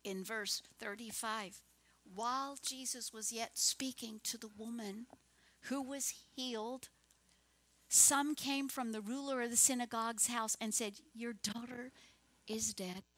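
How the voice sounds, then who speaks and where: Slow, earnest woman preaching a sermon. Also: fairly high pitch, fairly even intonation. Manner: acts out the voices of the people in the story; swings between hushed, tender retelling and loud emphatic exhortation.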